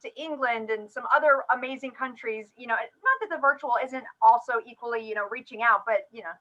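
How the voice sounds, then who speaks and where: A woman hosting a podcast, chatty and fond of self-deprecating stories. Her voice is bright and sits a little high. The audio is slightly dull and lo-fi. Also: brisk. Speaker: podcast host. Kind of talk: conversational interview.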